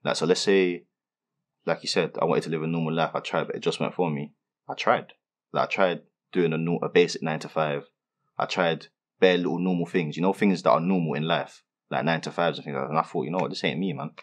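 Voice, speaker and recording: Brief: young London rapper, very low voice, quick slangy answers. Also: male voice, fairly even intonation. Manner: laid-back street slang, many fillers. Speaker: rapper being interviewed. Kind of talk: casual interview answers.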